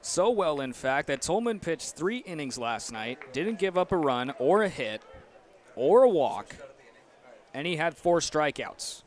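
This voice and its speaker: Unhurried and sing-song, the voice of this young American play-by-play man sits on the high side as he calls a game live. Outdoor ambient noise, like a ballpark or arena, runs behind him.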